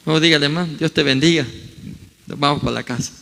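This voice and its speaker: A man's voice: a little high, quick pace, vocal fry, fairly bright tone. A male pastor preaching a sermon in a church hall, swinging his voice wide as he acts out scripture quotes.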